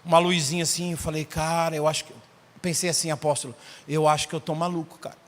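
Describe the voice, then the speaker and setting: A man's voice: on the high side, flat delivery, quick pace, long reverb tail. A Brazilian man, a pastor, telling a story in a sermon and acting out the dialogue with animation. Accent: Brazilian Portuguese. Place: church.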